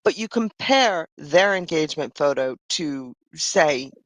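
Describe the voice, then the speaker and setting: A woman's voice: sits low, lively intonation, unhurried, no room sound. Chatty woman hosting a live stream. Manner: chatty, rambling, frequent "I mean" and "right?". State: losing her voice. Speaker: livestream host. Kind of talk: casual live-stream chat.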